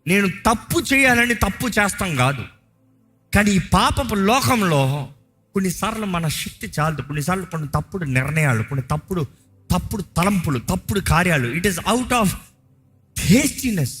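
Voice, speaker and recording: A man's voice: high-pitched, lively intonation, normal speed, fairly bright tone, faint music behind. A man with a Telugu accent preaching a sermon as a pastor, emphatic, slipping English phrases into his preaching.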